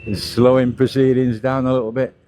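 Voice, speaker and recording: This British motovlogger, middle-aged, gives an easygoing, plain running commentary while riding his scooter on roads outdoors. His medium-pitched voice is warm but flat in delivery and fairly quick, with a little hiss or hum in the audio.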